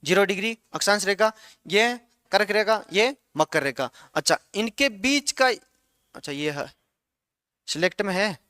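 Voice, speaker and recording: Male teacher, high ringing voice, dry close sound, drills the class with repeated questions. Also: expressive, unhurried, pushed and bright, no room sound. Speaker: geography teacher. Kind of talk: classroom lecture.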